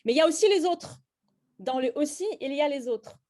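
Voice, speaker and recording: A middle-aged woman from Russia leads a slam poetry workshop, speaking French with a clear Russian accent. She explains her writing to students in a hesitant way, filling pauses and restarting phrases often. Her voice sits somewhat high for a woman. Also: mellow. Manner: hesitant, many fillers and restarts.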